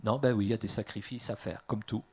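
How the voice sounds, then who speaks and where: A French man, a pastor, preaching a sermon in a lively way, joking, laughing at his own asides and acting out the people he quotes with sudden loud bursts. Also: lowish voice, fast talker, slightly rough. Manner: animated, acts out quoted voices with big jumps in loudness.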